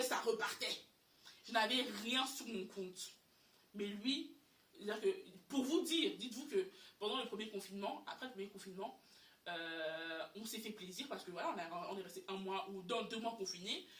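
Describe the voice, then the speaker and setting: A young woman tells a story in a casual chat, animated and exasperated, circling back over her own words. Her voice is bright and sits a little high. She sounds distant from the mic, in a room with plenty of echo. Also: fairly quick, a little hiss or hum. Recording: echoey room, far from mic.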